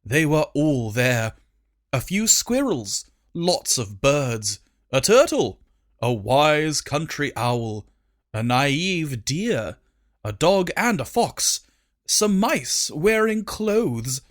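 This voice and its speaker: A man narrating a comic storybook in an expressive, playful way. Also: a little high, very slow. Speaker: audiobook narrator.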